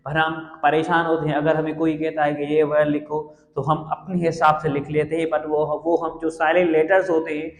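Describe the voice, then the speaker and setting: A man with a somewhat high voice teaches a classroom lecture, saying each word several times and spelling it out letter by letter. The room rings with a long, echoey reverb around him. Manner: repeats words slowly, spelling letters aloud. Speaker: English teacher.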